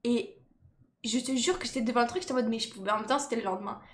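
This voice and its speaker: A young woman in casual chat, talking in slangy, quick bursts and often laughing. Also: fairly high pitch. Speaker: co-host.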